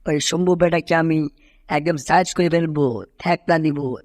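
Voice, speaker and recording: A wailing, boastful-then-scared cartoon cat, voiced by a man in a high, raised voice. The recording is close and completely dry. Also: measured pace, darkish tone, no echo, natural voice. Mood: fretful. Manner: wails and yelps when hurt. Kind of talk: fan cartoon dub.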